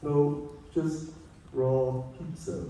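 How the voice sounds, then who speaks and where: A man's voice: medium pitch, level tone, background noise. A man voicing a cheeky young male frog puppet who drags out his words playfully. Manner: slow, drawn-out, playful. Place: large temple hall. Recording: echoey hall from far off.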